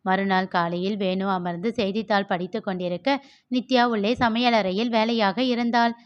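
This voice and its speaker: A woman narrator reading a novel aloud with steady, expressive storytelling. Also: mid-range voice, smooth. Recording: dull lo-fi.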